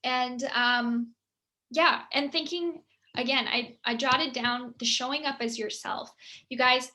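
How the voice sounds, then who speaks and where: Young woman, high bright voice, bubbly and chatty, team pep talk. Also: fairly even intonation, slow. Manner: bubbly, chatty, laughs often. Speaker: team leader.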